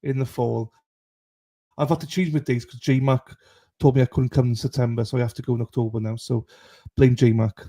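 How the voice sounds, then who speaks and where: Male livestream host, matey and irreverent, dark relaxed tone, casual chatty delivery. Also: medium pitch, brisk. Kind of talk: casual chat with live stream viewers.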